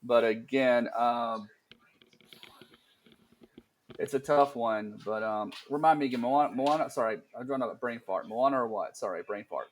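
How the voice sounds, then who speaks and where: A man's voice: mid-range voice, brisk, hardly any pauses, slight background noise. A man co-hosting a casual podcast, wry and self-deprecating, hesitating with many ums. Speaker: podcast co-host.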